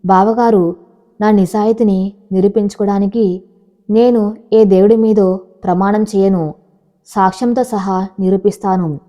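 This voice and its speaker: A woman voicing a resolute young wife who speaks firmly and in measured words, on a dull lo-fi recording. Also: mid-range voice, steady tone, mellow, close to an everyday voice. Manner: firm, measured.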